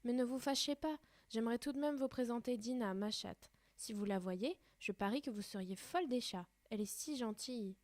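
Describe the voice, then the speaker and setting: A woman's voice: a little high, brisk, darkish tone, dry recording, lightly acted. A woman teacher reading aloud the lines of a polite, apologetic young girl from a storybook. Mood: gentle polite.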